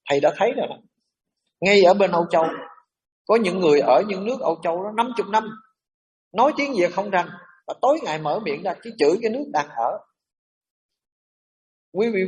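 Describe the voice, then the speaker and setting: A man preaching as a Buddhist monk, emphatic and animated, dropping in English and French terms. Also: sits high, distant mic. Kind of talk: sermon to a congregation.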